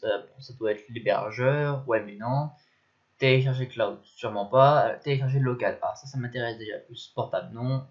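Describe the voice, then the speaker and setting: A young man talking casually through a screen-recorded tutorial, thinking aloud and muttering at the software as he goes. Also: medium pitch. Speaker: tutorial maker. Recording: dull lo-fi mic.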